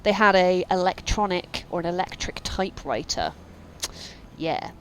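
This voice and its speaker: A woman's voice: on the low side, lively intonation, moderate pace, slight background noise, low-quality recording. A woman rambling casually while streaming a game, full of fillers and asides. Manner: rambling, chatty, many fillers. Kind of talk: casual let's-play chat.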